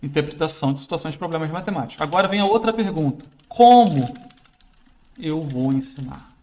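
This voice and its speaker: A man, a teacher trainer, explaining a classroom teaching aid in a casual instructional demo, pausing to correct himself as he handles it. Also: a little high.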